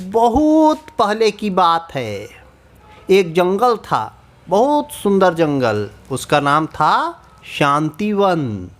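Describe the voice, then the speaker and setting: A man narrating a children's cartoon story, often pausing to ask the young listeners questions. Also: high voice, fairly bright tone. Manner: asks the children questions, sing-song.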